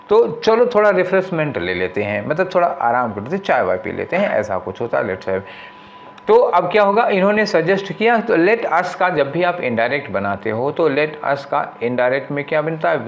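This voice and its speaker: A male English teacher walking through an exam paper, explaining in Hindi, reading the English options slowly and asking rhetorical questions as he goes. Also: fairly high pitch, dull audio. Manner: conversational, asks rhetorical questions. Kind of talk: exam paper walkthrough lesson.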